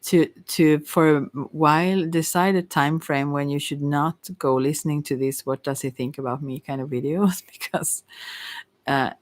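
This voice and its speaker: A tarot reader in an ASMR livestream gives informal, kindly encouraging spiritual advice, rambling with hesitation and trailing off mid-thought. Her pitch is medium and her intonation fairly even. She talks at a normal speed, with no echo in the recording.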